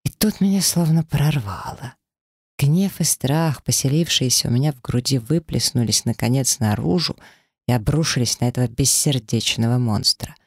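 A man narrating a story in the first person, reading in a steady way. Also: mid-range voice, normal speed, breathy edge, no room sound, studio quality. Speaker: audiobook reader. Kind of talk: audiobook narration.

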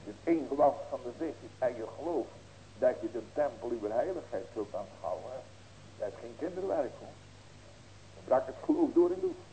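In this sermon, a pastor in his sixties preaches in an earnest, folksy way, throwing out rhetorical questions and emphatic, ringing cries. His medium-pitched voice is mellow and expressive, moving a little fast. The low-quality recording carries a slight hiss or hum.

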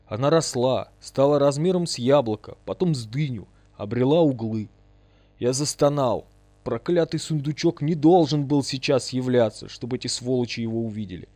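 A man's voice: mid-range voice, moderate pace, dark tone, no room sound. A man narrates a first-person audiobook with a vivid, dramatic delivery. His voice sits in a middle register. The recording is dry with no room sound.

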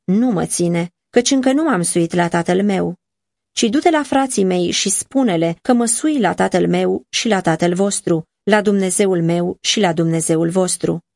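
Gentle solemn male figure voiced by a female narrator, calm delivery, dry close-mic sound. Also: on the low side, creaky, no room sound.

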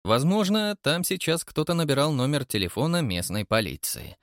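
A man narrating an audiobook with expressive storytelling. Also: a little high, normal speed, no echo, clean studio sound.

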